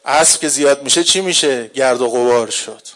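A man preaching a mourning sermon, moving from quiet storytelling to loud, grieving lament, and reciting passages in slow chanted lines. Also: mid-range voice.

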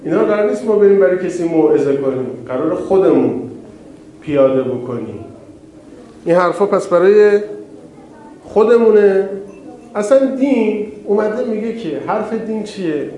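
Male preacher, mellow voice, talks with the congregation, very echoey hall with a faint hum behind. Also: high-pitched, expressive, pauses often. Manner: conversational, rising emphasis on key phrases. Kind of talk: sermon.

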